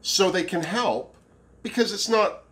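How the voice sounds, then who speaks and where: A man chats casually as a campy drag queen. His pitch swings widely and he leans on words with drawn-out emphasis. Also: animated, fairly bright tone. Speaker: drag show review co-host. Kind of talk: casual chat.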